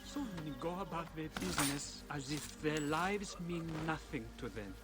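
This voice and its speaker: An actor voicing a scornful, hushed male voice in a video game. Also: on the high side, animated, moderate pace, close to an everyday voice. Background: game music.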